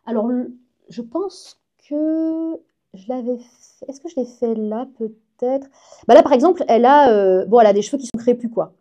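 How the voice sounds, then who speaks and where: A woman's voice: a little high, normal speed, mellow, highs cut off. A woman, a comic artist and science journalist, chatting casually and enthusiastically as a guest on a live stream.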